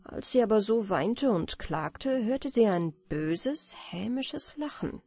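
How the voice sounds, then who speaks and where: A woman reads a fairy tale at bedtime in a calm, expressive way. Her pitch moves a lot, and her voice has a slightly husky, breathy edge. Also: slow pace. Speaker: audiobook reader.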